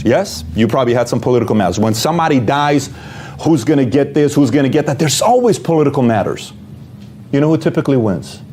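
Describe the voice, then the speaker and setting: A man gives a direct motivational talk, piling up rhetorical questions. His voice is warm and dark in tone. Faint background noise hangs behind him. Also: medium pitch. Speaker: motivational speaker.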